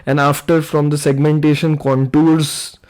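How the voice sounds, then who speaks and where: Mellow-voiced young man hosting a call. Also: on the high side, a little slow. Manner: relaxed, uses "like" and "uh" often. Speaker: meetup host and presenter. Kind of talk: casual online meeting discussion. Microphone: computer mic on a video call.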